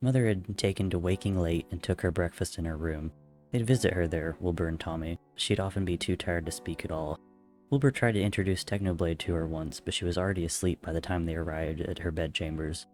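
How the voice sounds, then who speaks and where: A man with a deep, low voice reads a story aloud as a dramatic narrator. Faint music plays behind him. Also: fairly even intonation, a little fast, a little mellow. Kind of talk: dramatic reading of narrative fiction.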